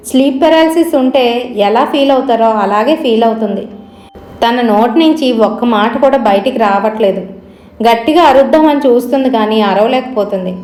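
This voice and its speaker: A woman narrating a horror story in a steady, conversational way, with frequent fillers. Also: on the high side, a little fast. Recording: echoey room.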